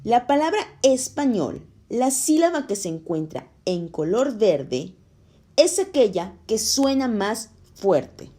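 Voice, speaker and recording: A woman reading a scripted lesson for schoolchildren, explaining slowly and clearly. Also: on the high side, very animated, warm tone. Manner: slow, clear, explaining to children. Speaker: teacher.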